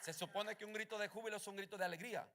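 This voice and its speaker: A male pastor preaching a fervent sermon, moving between calm storytelling and loud shouted calls to his congregation. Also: sits high, very fast, very noisy.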